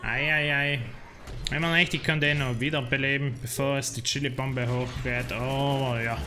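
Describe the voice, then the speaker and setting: Over music, a man with medium pitch and a steady tone talks at a moderate pace. He has a South Tyrolean German accent and rambles, complains and uses lots of fillers while chatting casually on a gameplay livestream.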